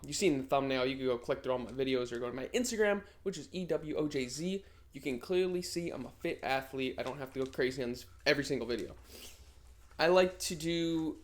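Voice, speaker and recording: A man in his thirties talking in a casual vlog, brash and motivational, swearing freely. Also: medium pitch. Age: 30s. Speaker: vlogger.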